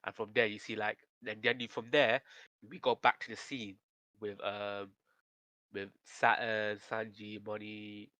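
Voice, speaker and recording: A man co-hosting a casual podcast, retelling a story in a rambling, animated way full of slang. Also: lowish voice, a little slow, dry recording. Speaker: podcast co-host. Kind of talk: casual chat.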